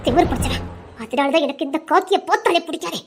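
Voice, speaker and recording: A woman voicing a sharp-tongued, proud young schoolteacher who scolds and retorts indignantly in an audio drama. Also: high voice, quick pace, soft background music.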